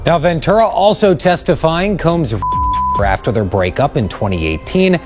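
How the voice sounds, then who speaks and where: Man, news reporter, animated pitch, scripted package narration, light music underneath. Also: normal speed.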